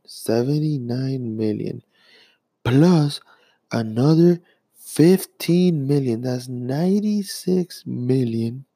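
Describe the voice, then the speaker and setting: A young man rambling through a profane, casual sports rant as a vlogger, jumping between fast bursts and drawn-out phrases. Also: medium pitch, warm tone, dry recording.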